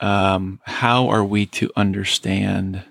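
A man hosting a podcast as a pastor, interviewing a guest with a halting, filler-heavy way of talking. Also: sits low, flat delivery, creaky, a bit bright, no room sound, clean studio sound. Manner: halting, many fillers and restarts. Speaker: host and lead pastor.

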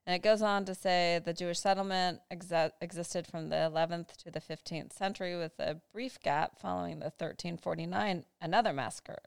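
A woman's voice: lowish voice, a little fast, gravelly, hardly any pauses, smooth, no echo, clean studio sound. A woman co-hosting a casual chat, reading passages aloud and discussing them with fillers. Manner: reads aloud, then chats with fillers. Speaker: co-host.

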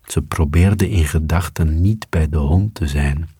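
A man narrating a storybook in a calm, measured storytelling manner. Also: a bass voice, husky, no echo, studio quality. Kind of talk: storybook reading.

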